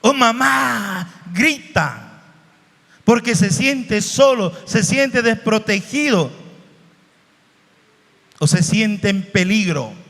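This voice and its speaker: A man from Bolivia preaching a sermon slowly and emotionally, with dramatic shifts in his voice. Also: sits high, lively intonation, a bit bright. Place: church hall. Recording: reverberant hall.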